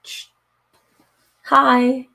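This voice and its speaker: A woman streamer paints live and chats casually with viewers while she works, often unsure what to do next. Her fairly high voice is raspy and a bit hoarse from reading aloud, unhurried and chatty yet monotone, with a bright, forceful tone.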